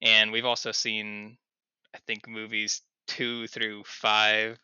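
A man's voice: lowish voice, monotone, takes it slowly, bright, forceful tone, clear, resonant tone, dry recording. A young man, a guest on a podcast, chatting in an easygoing way with hesitant starts. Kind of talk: casual chat. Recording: slightly dull, lo-fi mic.

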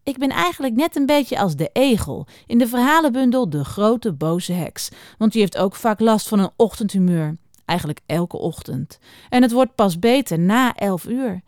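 A woman giving a children's morning talk and reading a story aloud in an expressive, chatty way. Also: medium pitch, normal speed, no room sound, studio quality.

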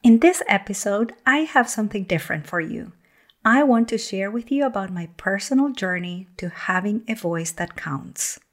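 A woman, hosting her podcast as a communication coach in a calm, measured, gentle way. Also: mid-range voice. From Argentina. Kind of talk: scripted podcast monologue.

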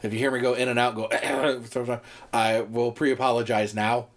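A man co-hosts a casual podcast chat, rambling from point to point with many fillers, restarts and the occasional swear. His mid-range voice, which is starting to wear out, shows little pitch movement at a moderate pace. There's a little hiss or hum in the recording.

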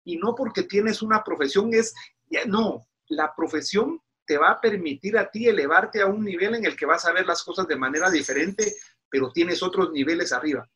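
A man's voice: sits high, normal speed, a bit bright, breathy edge. A middle-aged man from Guatemala, a pastor, talking earnestly as a podcast guest, preacherly and with many restarts. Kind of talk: casual interview talk.

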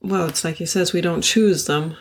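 A woman who grew up in Germany, co-hosting a casual book discussion in a soft-spoken, thoughtful way. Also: lowish voice, fairly even intonation, moderate pace, a little hiss or hum. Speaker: podcast co-host.

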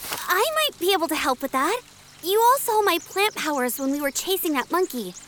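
A woman's voice: very high-pitched, lively intonation, moderate pace, fairly bright tone, a little hiss or hum. A woman voicing an eager, sincere young cartoon heroine, earnest and emphatic, with music behind. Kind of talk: animated cartoon character acting.

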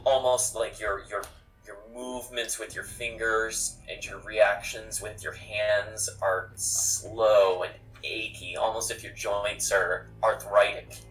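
A man's voice: fairly low pitch, level tone, takes it slowly, fairly bright tone, far from the mic, faint music behind, poor audio. A man narrating a tabletop game casually as game master and host.

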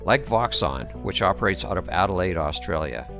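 A man hosting a podcast, reading a scripted intro and then chatting with his guest in a measured way. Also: deep voice, expressive, creaky, over music. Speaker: podcast host.

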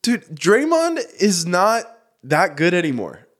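A man co-hosting a sports podcast in a studio, talking in a lively, casual way, repeating himself and rattling off stats. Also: high voice, takes it slowly. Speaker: podcast co-host.

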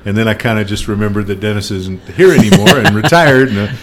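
A man's voice: fairly low pitch, fast talker. A man co-hosting a casual podcast, telling a joke in a rambling, folksy way, with many "uh"s and "you know"s. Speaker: podcast co-host.

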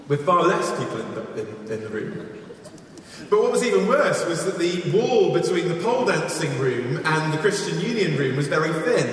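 A man giving an earnest, animated sermon that mixes in personal stories and wry humour. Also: fairly high pitch, a little hiss or hum. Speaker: evangelist speaker. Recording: echoey hall, mic from far off.

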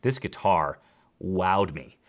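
A man's voice: deep voice, animated, takes it slowly. A man with an American accent hosting a show in an emphatic, enthusiastic top ten countdown style. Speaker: guitar show host.

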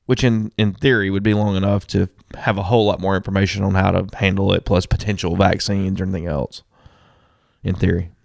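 A man co-hosting a sports talk show, talking casually and haltingly, often repeating words as he thinks aloud. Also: low voice, little pitch movement, creaky, darkish tone, no room sound, clean studio sound. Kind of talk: casual sports radio chat. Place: radio studio.

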